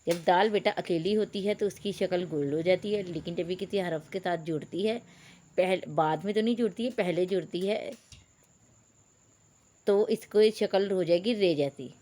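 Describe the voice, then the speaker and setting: A woman's voice: on the low side, moderate pace, mellow. A woman teacher, patiently spelling out words letter by letter in an online reading lesson for young pupils. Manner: addresses pupils as beta.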